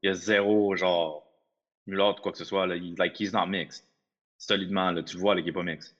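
A man's voice: low voice, fairly even intonation, brisk, a bit bright, highs cut off. A man co-hosting a podcast, arguing his point in casual chat and slipping into English phrases. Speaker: podcast co-host.

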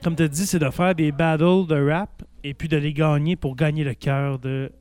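A man's voice: on the high side, fairly even intonation, normal speed, a little mellow, clear, resonant tone. A man with a Québécois French accent doing a casual, encouraging interview, asking questions and echoing answers back.

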